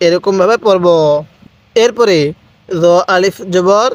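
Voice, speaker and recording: A man teaching Quran reading, slowly and deliberately drawing out syllables for learners to repeat after him. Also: sits high, no room sound, muffled recording. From Bangladesh. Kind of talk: recitation lesson, repeat-after-me drill.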